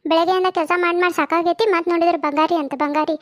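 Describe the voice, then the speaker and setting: A woman's voice: very high voice, steady tone. A woman with a North Karnataka accent voicing a grumbling, overworked young village wife in a comedy cartoon. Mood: scolding. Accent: North Karnataka Kannada. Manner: nagging, complaining, fast-talking.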